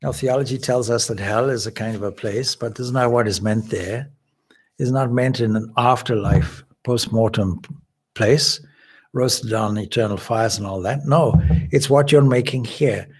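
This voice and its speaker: A man from Zimbabwe, a swami, giving a measured, explanatory spiritual lecture. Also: mid-range voice, slightly rough. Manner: measured, explanatory, with occasional restarts.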